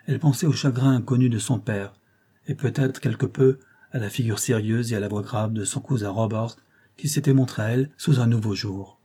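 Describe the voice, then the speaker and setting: A male narrator reads a classic novel aloud in a measured, steady storytelling voice. His tone is mellow and soft, with a husky edge to it. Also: mid-range voice. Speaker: audiobook narrator. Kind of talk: audiobook reading of a classic novel.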